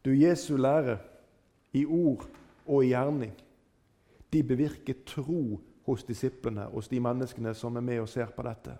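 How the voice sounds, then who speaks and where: A man preaching a sermon, retelling stories with dramatic rises and falls in his voice. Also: fairly even intonation. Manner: dramatic retelling with wide swings in pitch and loudness.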